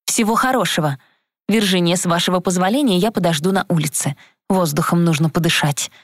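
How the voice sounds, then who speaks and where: A haughty young noblewoman, as a woman reader voices her, speaks coldly and in clipped phrases. The voice is raised above the reader's usual pitch. The sound is dry and close, as in an audiobook. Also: brisk, dry recording, lightly acted.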